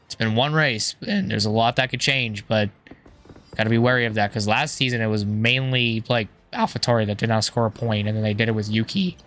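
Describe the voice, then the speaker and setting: A man with a hoarse, strained voice giving casual, rambling gameplay commentary, thinking aloud in an informal way. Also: lowish voice, a little fast, a bit bright, soft background music. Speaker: gaming YouTuber.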